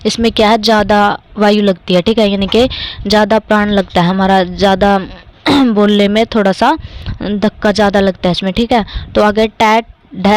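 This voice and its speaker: The recording is low quality: a young Indian woman in a mid-range voice teaches grammar for exam prep, step by step. Her Hindi accent carries a Haryanvi influence, "theek hai" comes up often as a check-in, and she occasionally clears her throat.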